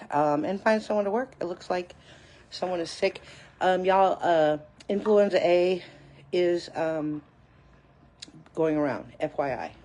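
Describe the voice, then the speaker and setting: Hosting an easygoing cooking livestream from her home kitchen on her phone, a woman chats with viewers, calling them "y'all." Her voice is lowish and a little mellow, and she sounds slightly hot and out of breath.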